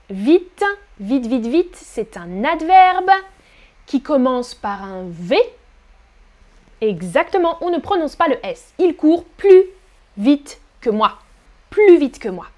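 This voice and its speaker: A woman teaching a live online French pronunciation lesson, her voice high and light. She speaks slowly, says key words over and over for her learners, and cheers them on as she reads their chat comments. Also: a little mellow. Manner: slow, carefully articulated, repeating words for learners.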